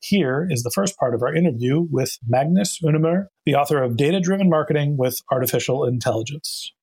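A man's voice: on the high side, lively intonation, a little fast, creaky, darkish tone, slightly rough. A man hosting a podcast, reading a sponsor spot and interviewing a guest in an upbeat, conversational way. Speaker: podcast host.

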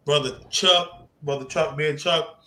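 A man hosting a podcast in loose, animated casual chat, breaking into laughing asides. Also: on the high side, measured pace, echoey room. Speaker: podcast host.

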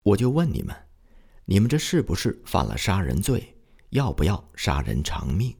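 A man voicing a domineering, menacing male village bully who hammers out accusing questions, in a deep gravelly voice. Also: wildly swooping pitch, normal speed, a little mellow, heavily acted.

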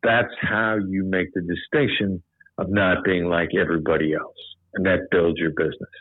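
A man's voice: deep voice, normal speed, no room sound. A man, a former hostage negotiator, telling stories and giving advice in a casual podcast chat, with lots of "you know". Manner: relaxed, repeats "you know", animated when quoting others. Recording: tinny phone-like line, dry.

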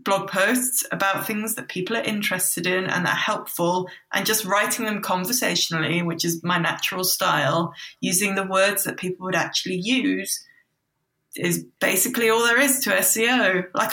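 A woman's voice: mid-range voice, steady tone, normal speed, bright, forceful tone, reverberant. A woman, a guest chatting casually on a podcast, talking in a loose, filler-heavy way and laughing often.

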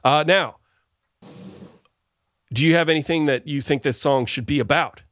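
A podcast host runs his show over a video call, chatting casually about songwriting in a rambling, playful way and often correcting himself. He speaks at normal speed in a fairly high, fairly bright voice, with clean studio sound and no room sound.

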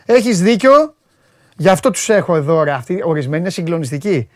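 A man's voice: a little high, big pitch swings, no echo, clean studio sound. A man hosting a sports show, chatting casually, joking and repeating words for emphasis.

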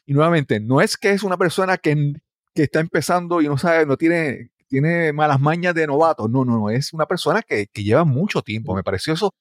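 A man's voice: on the high side, a little fast, dry recording, clean studio sound. A man hosting an interview, speaking hesitantly and often seeking confirmation. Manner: hesitant, asks for confirmation with frequent tag questions. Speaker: podcast host. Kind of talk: casual interview talk.

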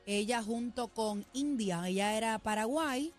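A woman's voice: fairly high pitch, a little slow, faint music behind. Puerto Rican woman radio host, teasing. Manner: teasing, scolding, reads entertainment news. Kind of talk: lively radio banter.

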